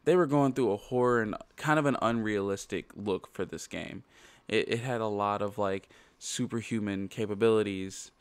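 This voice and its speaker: A man's voice: on the low side, moderate pace, clean tone, dry recording. A man with a congested nose giving a casual, rambling game review full of "like" and restarts, ranting about what let him down. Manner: rambling, ranting, heavy use of "like".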